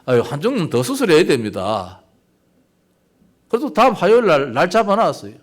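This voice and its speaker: A man's voice: a little high, wildly swooping pitch, moderate pace. An older man preaching a sermon as pastor, talking conversationally and asking the congregation rhetorical questions.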